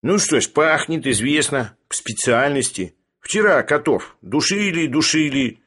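A man voicing a coarse, cocky young male upstart with crude, brash speech, in a husky voice. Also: on the high side, expressive, unhurried, fairly bright tone. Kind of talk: audiobook character voice.

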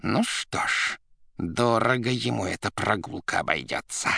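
A man voicing a grim, bitter male finance director who speaks slowly and heavily. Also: on the low side, sing-song, creaky, a bit bright, dry recording, clean studio sound, exaggerated voice. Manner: slow, heavy, spiteful. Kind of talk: audiobook character voice.

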